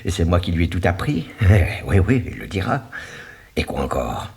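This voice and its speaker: A sly vain crime writer in an old radio play, deep voice but jumps way up high, raspy, theatrical. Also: male voice, sing-song, normal speed, a little mellow, full character voice. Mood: gloating. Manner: theatrical, swings from wheedling whispers to shrill outbursts. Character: scheming middle-aged male crime writer, vain and manipulative. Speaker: Anselme Leroy, suspect author. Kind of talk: 1980s radio drama acting.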